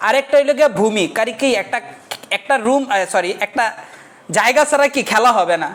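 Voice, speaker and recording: A man's voice: extremely high pitch, animated, a little fast, a bit bright, a little hiss or hum. A male economics teacher, giving a casual, joking lecture and often checking that the class follows. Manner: joking, keeps checking the class understands, asks rhetorical questions.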